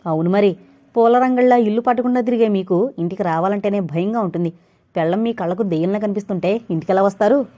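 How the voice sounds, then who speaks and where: A bitter young wife and mother of four scolds her drinking husband, shrill and close to tears, as a woman narrator puts her on. Her voice climbs higher and louder than the narration. The tone stays mellow underneath, as in an audio novel. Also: fast talker, muffled recording, lightly acted. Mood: angry, tearful.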